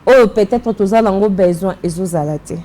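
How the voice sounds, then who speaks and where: Congolese woman, mellow, mixing languages. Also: mid-range voice, brisk. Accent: Congolese French. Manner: mixes French and Lingala, searching for words. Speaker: fashion designer guest. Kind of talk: casual interview answers.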